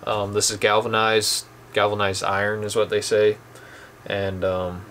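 A man's voice: fairly low pitch, a little slow, slight background noise. A young man casually showing off two boat anchors at home, talking plainly with lots of ums. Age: young adult. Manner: relaxed, plain-spoken, many ums. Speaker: channel host reviewing boat anchors. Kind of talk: casual product demo. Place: dim indoor room at home.

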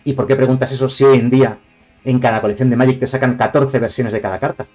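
A man's voice: medium pitch, fairly even intonation, fast talker, darkish tone. Man, castilian spanish accent, casual live-stream chat, rambling and digressive, faint music behind. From Spain. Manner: chatty, digressive, greets viewers. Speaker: streamer reviewing card game cards.

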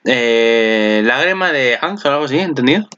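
A man with a Spain Spanish accent giving excited reaction commentary, gushing, swearing and squealing in delight. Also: mid-range voice, normal speed, highs cut off, faint music behind. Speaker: anime reaction channel host.

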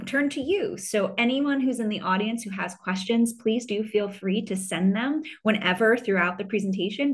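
Brief: female webinar host, upbeat and polished, over a video call. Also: medium pitch. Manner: enthusiastic, polished, many "wonderful"s. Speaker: director of enrollment, webinar host.

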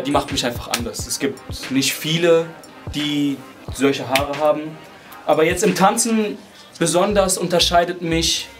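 A 21-year-old man and hip hop dancer, talking casually about his dancing in a relaxed, searching way with many fillers and restarts. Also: a little high. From Germany. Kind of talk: casual interview talk. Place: indoors beside a wooden wall. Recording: music playing under the voice.

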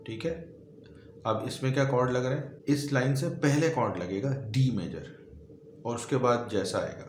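A man's voice: mid-range voice, normal speed. A man teaching a song on piano, patiently explaining each note, chord and finger step by step. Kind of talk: step-by-step music tutorial. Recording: echoey room with piano playing.

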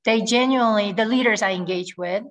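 A middle-aged woman who is a native Korean speaker appears as a guest air force officer on a video call from a home room with a ceiling fan. She speaks earnestly and briskly in a mid-range voice, with frequent ums and restarts. The sound comes through a laptop webcam.

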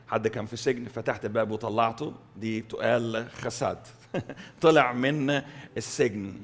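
A male pastor with an Egyptian Arabic accent preaching a sermon, pushing key words loud, letting line endings fall soft, and repeating phrases for stress. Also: medium pitch. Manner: emphatic, swings between loud stresses and soft drawn-out endings. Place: church hall.

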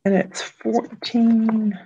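An older woman in her sixties talks slowly and comfortably, hosting a live-stream auction from a small room at home. Her voice sits a little high, and she chats with viewers by name. The audio comes through a webcam and sounds a bit dull and lo-fi. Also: flat delivery, mellow, breathy edge. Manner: slow, unhurried, chatty, thanking viewers by name. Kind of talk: casual live-stream chat. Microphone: webcam on a computer, video call.

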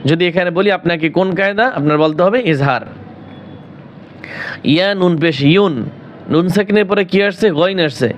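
A man teaching Quran recitation, spelling out words and asking questions he answers himself, then chanting drawn-out melodic readings. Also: sits high, slight background noise. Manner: drawn-out melodic recitation between quick explanations.

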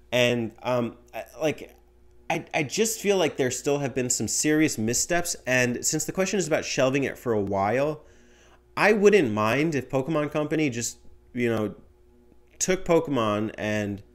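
This young show host responds to voicemail from viewers in a casual, rambling style thick with fillers, animated and gesturing as he goes. His medium-pitched voice is picked up by a studio mic on a stand in front of him in a small home room with a bookshelf and window.

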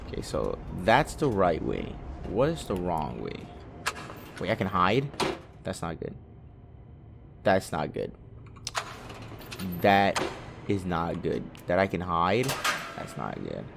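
A man's voice: low voice, sing-song, takes it slowly, vocal fry, pauses often, noisy background. A young man giving casual, nervous gameplay commentary full of slang and swearing. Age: young adult. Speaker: gamer, host of a horror game playthrough. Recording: music behind the voice.

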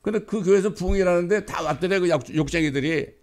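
A male pastor delivering a sermon, telling stories and rising into loud quoted passages. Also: high voice, fast. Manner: storytelling preacher, bursts into loud quoted lines.

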